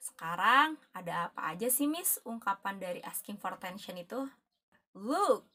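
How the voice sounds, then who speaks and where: Woman teacher from Indonesia, cheerful video lesson, bright clear tone, friendly and chatty with students. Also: mid-range voice, expressive, moderate pace. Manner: cheerful, addresses students as guys, shifts between Indonesian and English examples. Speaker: English teacher.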